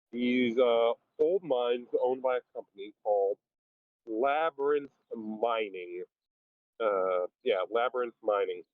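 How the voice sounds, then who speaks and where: A man's voice: medium pitch, dry recording. Man on a tinny phone line, old newsreel sound. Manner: halting, many fillers. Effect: muffled lo-fi sound like an old 1940s newsreel. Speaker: tabletop game player. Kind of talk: casual game chat, recapping his character's research.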